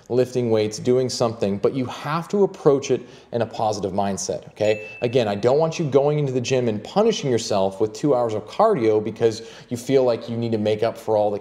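A man's voice: medium pitch, warm tone. A young man who coaches fitness, giving upbeat advice in a vlog and checking in with the viewer with "all right?" as he goes.

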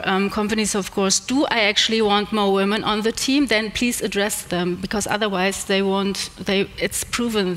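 Wearing a headset on a large indoor stage, a middle-aged woman with a German accent presents a conference talk and answers questions. Her medium-pitched, slightly bright voice is hesitant, with frequent fillers and restarts.

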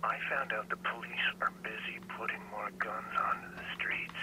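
An actor playing a jittery, eccentric male informant in a video game, speaking in a halting, conspiratorial, breathy voice. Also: fairly low pitch, monotone, noisy background, lightly acted.

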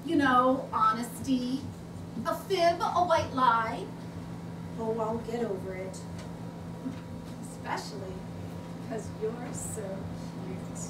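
A woman's voice: a little high, animated, takes it slowly, pauses often. A woman acting an imperious, demanding and flirtatious wealthy art patron in a staged play reading, heard in a theatre. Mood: teasing, flirtatious. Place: small stage in a club theatre before an audience. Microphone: distant audience camera. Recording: noisy, echoey theatre recording from far off.

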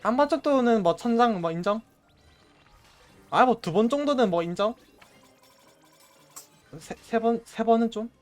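Streaming a game, a man offers casual running commentary and playfully scolds his in-game item the way a parent would. His very high-pitched voice has lively intonation, a measured pace, and frequent pauses, with soft music in the background.

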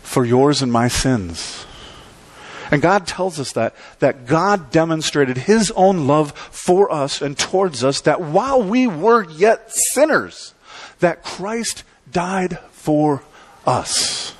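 A middle-aged pastor preaching an animated sermon from a church pulpit, with dramatic pauses and sweeping gestures. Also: male voice, fairly high pitch, dry recording.

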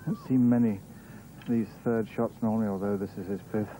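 A man's voice: fairly low pitch, fairly even intonation, fairly quick, mellow. A man giving live golf commentary as a broadcast commentator. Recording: noisy old TV broadcast audio.

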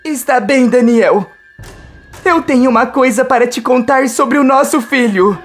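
A woman's voice: sits high, unhurried, faint music behind, pitched above the performer's own voice. A woman voicing a tearful young pregnant woman, pleading in a raised voice. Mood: tender.

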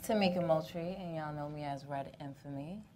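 A woman's voice: deep voice, brisk. A woman co-hosting a live show, bubbly and joking as she makes announcements. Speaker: co-host. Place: live event with audience. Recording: loud crowd noise.

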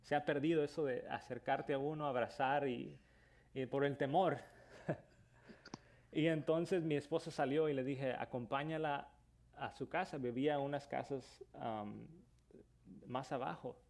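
A man's voice: medium pitch, steady tone, measured pace, gravelly, a little mellow. A man preaching a sermon in Spanish, moving between earnest exhortation and a personal story. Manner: earnest preaching, rising to emphatic questions, then storytelling. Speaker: pastor.

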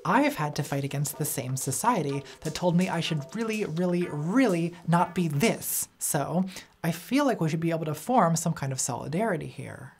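Woman host, scripted commentary read, sardonic and theatrical, lower register, light music bed. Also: animated, normal speed, darkish tone. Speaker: video essayist host.

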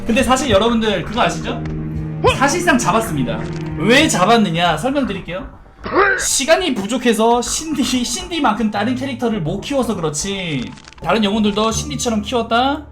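A man from South Korea talking through a sponsored mobile game playthrough, chatty and breaking into excited shouts as battles heat up. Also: high-pitched, fairly quick, over loud music. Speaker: game streamer.

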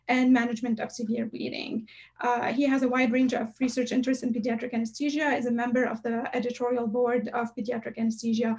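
A woman's voice: on the high side, a little mellow. A woman in her thirties moderating an online conference, formally introducing speakers from a room over a video call. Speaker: session moderator. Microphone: computer microphone on a video call.

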